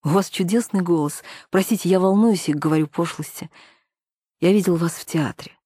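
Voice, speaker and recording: A woman's voice: lowish voice, moderate pace, dark tone, breathy edge, dry recording, clean studio sound. A woman voicing a polite, hesitant young man courting a girl by phone in an audiobook reading. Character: charming young man with a low voice.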